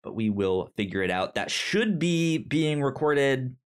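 In relaxed podcast conversation, this male host speaks a little slowly with lively intonation, a medium pitch and a clean tone. Stuttering is frequent, with repeated sounds and syllables.

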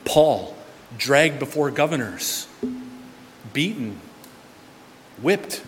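A male pastor preaching a sermon in a church, conversational in tone, swinging between loud emphatic lines and hushed quiet ones. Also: medium pitch, animated, drawn-out words, faint music behind. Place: church sanctuary. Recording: long church reverb with faint room noise.

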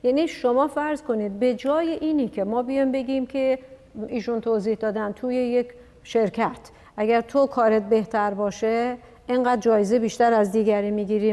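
A woman's voice: fairly high pitch, steady tone, a little mellow. Thoughtful woman with echoing sound. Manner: thoughtful, storytelling. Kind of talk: reflective discussion. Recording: long reverb.

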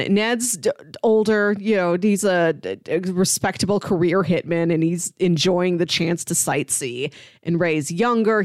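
On a casual podcast about films, a woman co-host chats through the movies in a conversational style. Her pitch is fairly low, and the recording is dry and studio quality.

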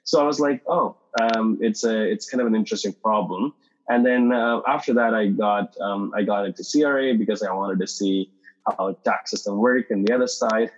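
A man from Sri Lanka, whose first language is not English, speaks as a podcast guest in a low voice. He talks haltingly, with many "um"s and restarts. The sound is slightly muffled. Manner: hesitant, many fillers and restarts. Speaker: guest, startup founder. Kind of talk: podcast interview.

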